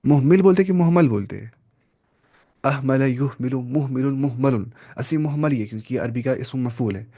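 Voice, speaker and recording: A man gives an online Arabic grammar lesson at an average pitch. He works through the material step by step and asks the class questions that he then answers himself. He mixes in English terms and slows down to read Arabic words. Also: lively intonation, dark tone. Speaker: Arabic teacher.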